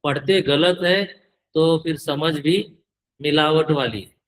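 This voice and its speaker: A middle-aged man leads a scripture class at a very slow, measured pace. He recites Sanskrit and stops often to correct how his students pronounce each word. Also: on the high side, poor audio. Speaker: swami teaching scripture.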